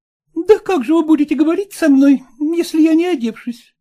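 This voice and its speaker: A man voicing a sly, coaxing housekeeper woman in a chattering falsetto for an audiobook. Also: normal speed, dark tone. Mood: scolding. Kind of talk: audiobook character voice.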